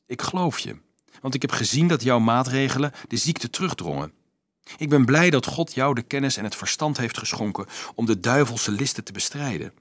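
A man voicing a kindly, gentle old monk in an audiobook, speaking softly and low. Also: animated, normal speed, no echo.

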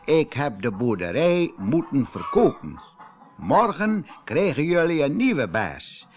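A man voicing a kind old farmer who speaks gently and with regret in a storybook reading. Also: a little high, big pitch swings, slow pace, pitched above the performer's own voice. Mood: sad.

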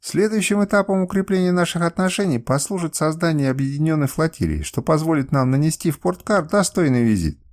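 A sly island ruler speaks calmly and with smug amusement, as a male narrator puts him on. His voice is lively in pitch. It belongs to a storybook reading. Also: fairly quick, few pauses, natural voice. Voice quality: smug, laughing.

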